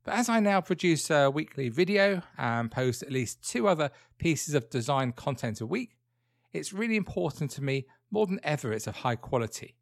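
A man's voice: fairly high pitch, big pitch swings, moderate pace, vocal fry, dry recording, studio quality. A British man hosting a true crime podcast, narrating from a script in a conversational way with dryly wry asides. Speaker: podcast host.

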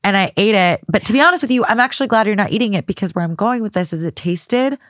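A woman's voice: mid-range voice, lively intonation, quick pace, dry recording, clean studio sound. A woman co-hosting a podcast in a bubbly, casual chatty way, full of "like". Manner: bubbly, says "like" a lot. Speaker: podcast co-host. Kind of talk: casual chat.

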